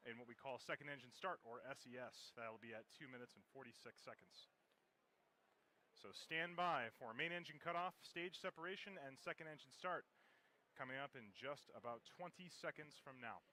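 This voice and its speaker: A man's voice: mid-range voice, pushed and bright. A man hosting a live launch webcast, explaining each technical step as commentary. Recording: clear urban background noise. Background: cheering at company headquarters.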